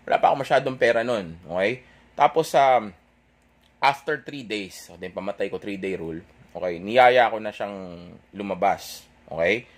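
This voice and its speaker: A man's voice: fairly low pitch, moderate pace, long pauses. A young man telling an audience a dating story in a casual, rambling way, correcting himself and checking in with "okay?" after nearly every point. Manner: chatty, rambling, self-correcting.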